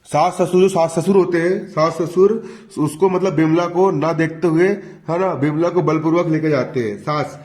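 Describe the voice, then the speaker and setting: A male teacher narrates a lesson summary in a relaxed, chatty manner. His voice sits a little high, and he keeps checking in with his students. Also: normal speed. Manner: chatty, addresses students as "bhaiya".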